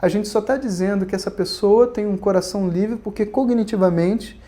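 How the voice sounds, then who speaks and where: A man with a Brazilian Portuguese accent and a high, dark-toned voice teaches Vedanta in a recorded online lecture. He speaks at normal speed with fairly even intonation, telling stories conversationally and often adding tag questions.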